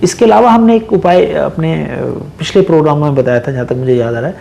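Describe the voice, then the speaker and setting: An astrologer and palmist, appearing as a guest in a studio interview, gives emphatic, instructive advice and mixes in English phrases. His voice is a little high, fast, gravelly and warm, with a bit of hiss or hum on the recording.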